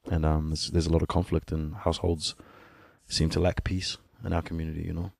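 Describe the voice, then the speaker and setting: A New Zealand man in his 30s with a deep, gravelly voice talks easily and a little fast, laughing a lot, recorded on a dry close mic with no echo. Born in Sudan and raised in New Zealand, with an Ethiopian language as his first tongue, he's a musician guest on a casual podcast, relaxed and candid.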